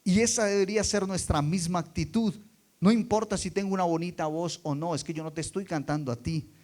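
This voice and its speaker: A man preaching a sermon, dropping quiet and then rising loud for emphasis, and putting rhetorical questions to the congregation. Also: sits high, brisk. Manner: expressive, swings between soft and loud for emphasis.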